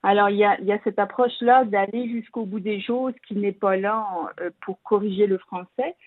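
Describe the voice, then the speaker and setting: Radio caller: woman with a French accent, hesitant and halting, husky voice over a tinny phone line. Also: medium pitch, fairly even intonation, no echo. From France. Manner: hesitant, many fillers and restarts. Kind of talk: radio call-in chat.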